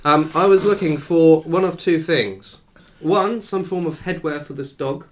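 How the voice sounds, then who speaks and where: A man's voice: fairly high pitch, unhurried, slight background noise. A man chatting casually as a player in a tabletop role-playing game, thinking aloud with restarts.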